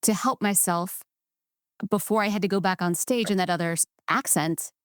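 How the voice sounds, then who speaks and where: A woman host chats easily and asks curious questions in a relaxed interview. Her voice sits at an ordinary middle pitch. It is recorded dry and close, with no room echo. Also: normal speed, clear, resonant tone. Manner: chatty, inquisitive. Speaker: host, voice coach. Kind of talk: conversational interview.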